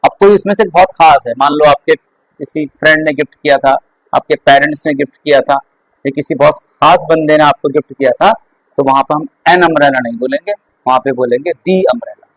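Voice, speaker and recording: A man's voice: on the high side, brisk, no echo, poor audio. A man teaching English grammar, explaining step by step and repeating examples patiently. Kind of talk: classroom grammar lesson.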